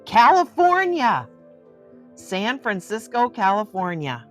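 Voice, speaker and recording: An older woman hosts a picture-book reading, breaking off for effusive, exclamatory asides aimed directly at young listeners. Her voice is fairly high with big swings in pitch, and she reads slowly. Soft music plays in the background.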